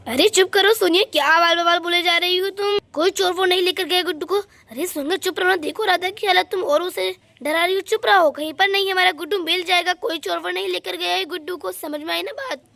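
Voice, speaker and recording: Bossy scolding mother, voiced by a woman, doll story, very high pitch, bright tone. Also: steady tone, fairly quick, vocal fry, few pauses, no echo, exaggerated voice. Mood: stern. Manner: scolding, reassuring.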